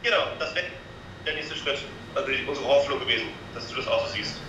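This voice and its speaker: A man's voice: medium pitch, fast talker, highs cut off. A man on speakerphone, acting as club doctor in a medical consultation call and giving brief, agreeing replies. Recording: echoey noisy speakerphone audio.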